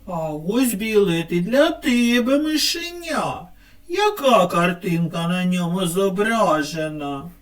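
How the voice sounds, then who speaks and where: A woman speech therapist narrating a scripted children's lesson in an expressive teacher's tone. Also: lowish voice, far from the mic. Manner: slow, lively, expressive teacher tone.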